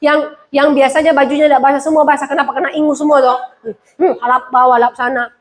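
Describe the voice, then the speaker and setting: A woman's voice: high-pitched, level tone, fast talker. A woman pastor preaching a sermon, mixing humorous home stories with emphatic repeated phrases. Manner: humorous storytelling, emphatic call-and-response phrasing.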